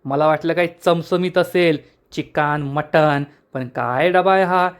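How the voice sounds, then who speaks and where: A man voicing a huge, greedy woman prisoner who bullies and demands things gruffly. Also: on the high side, a little slow, close to an everyday voice. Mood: bossy.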